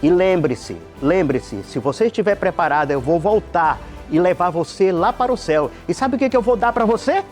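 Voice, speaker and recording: Man as a gentle guide figure for kids, lively pitch, faint music under. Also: a little fast. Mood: inviting. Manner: warm, inviting, sing-song. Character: friendly desert guide who is Jesus.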